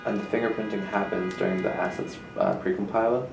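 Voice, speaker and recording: A man's voice: fairly low pitch, fairly even intonation, fast, over music. A man casually asking technical questions and thinking through the answers. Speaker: audience member asking questions. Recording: echoey room, far mic, clear background noise.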